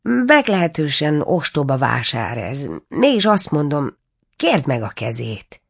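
An excitable caliph turned stork, eager and exclaiming, as a woman reading the tale puts him on. The voice rises above her low plain tone. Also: creaky, slightly rough, exaggerated voice. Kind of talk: storybook reading.

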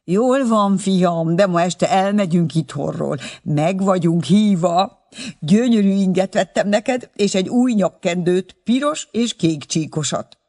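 A man's voice: high voice, a little mellow, pitched above the performer's own voice. A man voicing an eager, talkative middle-aged mother in an audiobook reading. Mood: excited. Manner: eager, chatty.

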